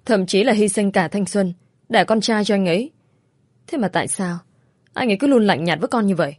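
A woman's voice: medium pitch, brisk, no room sound, clean studio sound, close to an everyday voice. A woman voicing a whiny, pleading young mistress.

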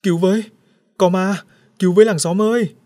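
A man voicing a terrified village wife, crying out in shrill, frantic cries. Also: steady tone, brisk, dark tone, natural voice. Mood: panicked. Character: terrified village wife, grieving for her husband.

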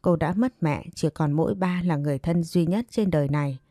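A woman narrating a family drama story in a calm, steady storytelling manner. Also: low voice, brisk, no echo, clean studio sound.

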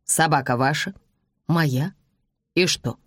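A woman reading aloud and voicing a calm, defiant young office worker who answers in a cool, slightly mocking way. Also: deep voice, slow, breathy edge, dry recording, studio quality, pitched below the performer's own voice, exaggerated voice.

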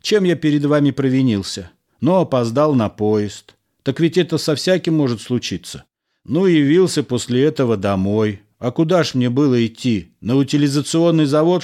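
A man reading a calm, wry husband. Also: medium pitch, normal speed, lightly acted. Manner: ironic, patient, lecturing. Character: calm, wry, reasoning middle-aged husband engineer. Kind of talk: audiobook character reading.

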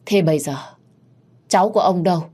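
A woman's voice: on the low side, a little fast, dark tone, natural voice. A woman reading a story aloud, voicing an elderly grandfather, reserved but eager and urgent to meet his grandson.

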